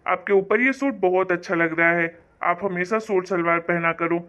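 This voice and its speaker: A woman's voice: lowish voice, moderate pace, fairly bright tone, close to an everyday voice. A woman voicing a patient young husband in a cartoon story, soothing and apologetic.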